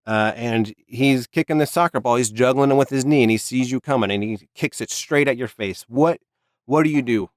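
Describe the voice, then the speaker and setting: A man narrating as game master in a halting, easygoing manner. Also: mid-range voice, dry recording, clean studio sound. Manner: halting, restarts, laughs along.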